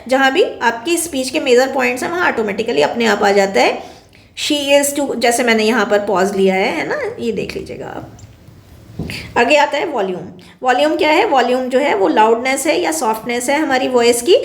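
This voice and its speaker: An Indian woman teacher gives a recorded lecture in a high voice. She asks herself questions and then answers them. Her voice echoes around the room. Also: animated, brisk, gravelly. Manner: explains in Hindi mixed with English terms, repeats and asks herself questions.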